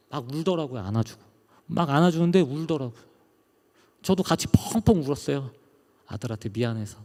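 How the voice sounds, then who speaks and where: A man's voice: mid-range voice, dark tone, in a large hall. A middle-aged male pastor giving an emotional testimony sermon, his delivery rising and falling.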